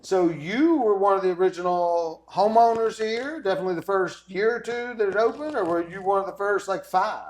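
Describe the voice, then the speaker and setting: Man, high-pitched voice, animated podcast host. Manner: animated, reacts with quick interjections. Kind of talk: casual podcast chat.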